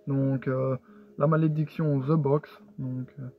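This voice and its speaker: A man's voice: medium pitch, level tone, slow pace, slight background noise. A man casually showing his purchases in a haul video, talking hesitantly with many fillers and restarts. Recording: tinny lo-fi sound with faint music.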